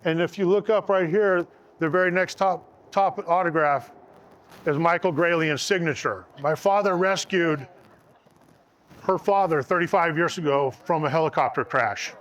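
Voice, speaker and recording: A man's voice: on the high side, normal speed, a bit bright. Rambling middle-aged man telling a story. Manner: rambling, filler-heavy, with frequent restarts. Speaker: groom telling his engagement story. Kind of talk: casual storytelling.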